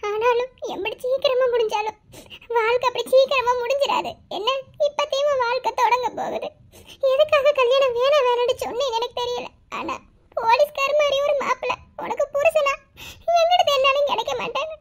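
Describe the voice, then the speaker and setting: A woman's voice: extremely high pitch, fairly even intonation, brisk. A woman voicing a fond village mother in a cartoon, with a Madurai Tamil accent, advising her newly married daughter and chuckling through tears. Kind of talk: cartoon voice acting.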